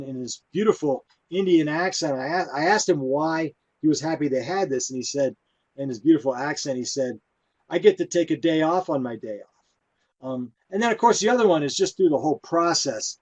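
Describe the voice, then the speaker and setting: Male presenter, slightly higher voice, loose and chatty, lots of ums. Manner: relaxed, conversational, many fillers. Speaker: conference presenter. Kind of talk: conference talk.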